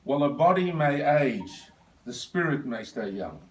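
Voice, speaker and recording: A man's voice: mid-range voice, big pitch swings, normal speed. Older man, rambling speech with asides, recorded from a distance in a roomy hall. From Australia. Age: 70s. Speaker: birthday speaker. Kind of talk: speech at a birthday lunch. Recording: echoey room, voice from far off.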